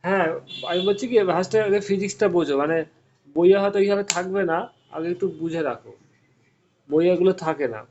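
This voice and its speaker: A man's voice: sits high, a little mellow, lo-fi sound. A male physics teacher giving an online class, explaining step by step and often stopping to quiz his students.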